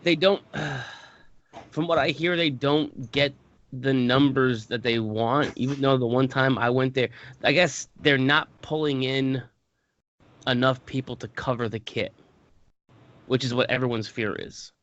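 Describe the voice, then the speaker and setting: A man's voice: mid-range voice, steady tone, a little slow, fairly bright tone, muffled recording. A man co-hosting a podcast, chatting casually about a tabletop game and rambling with frequent self-corrections. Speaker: podcast co-host.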